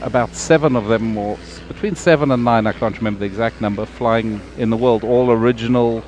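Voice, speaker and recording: Male guest from South Africa, casual and halting, outdoor airfield recording, light background noise. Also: mid-range voice, lo-fi sound. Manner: relaxed, hesitant, many fillers. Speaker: guest, paint scheme designer. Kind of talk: casual outdoor podcast chat. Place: outdoor airfield deck near runway.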